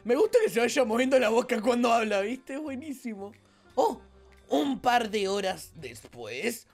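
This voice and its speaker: Woman, Rioplatense Spanish accent, Let's Play commentary, playful, exclamatory, bouncy lively pitch. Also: unhurried, soft background music. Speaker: gaming channel host.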